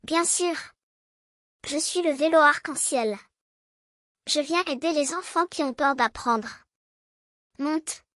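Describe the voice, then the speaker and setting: Lady doing a kind magic bike for a toddler storybook, soft high voice, slow n gentle, cheering the kid on. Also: no echo, studio quality. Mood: gentle, reassuring. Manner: tender, reassuring, as if reading to a toddler. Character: gentle encouraging magic rainbow bicycle, soft-voiced friend to children. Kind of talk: children's storybook reading.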